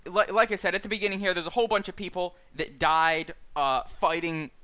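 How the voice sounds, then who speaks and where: A man's voice: high voice, clean tone. A man hosting a streamed book club, reading a list of names and chatting casually with lots of fillers and dry asides. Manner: lively, halting with many fillers, dry asides. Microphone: streaming mic.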